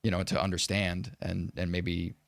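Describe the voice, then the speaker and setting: A gravelly, somewhat low-voiced man chatting casually as a podcast co-host. He rambles in halting bursts, restarting and repeating words as he feels his way through a thought. The sound is dry and close. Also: little pitch movement, no room sound. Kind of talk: casual chat.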